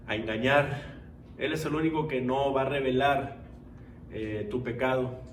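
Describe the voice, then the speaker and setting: A man's voice: mid-range voice, a little hiss or hum. A man preaching a sermon in a church, emphatic, repeating his phrases and calling his listeners brethren. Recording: echoey church room, mic far off.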